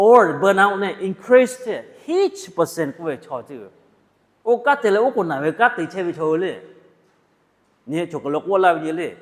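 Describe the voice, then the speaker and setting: A man preaching a sermon in an animated way, mixing in English phrases. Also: high-pitched. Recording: long hall reverb.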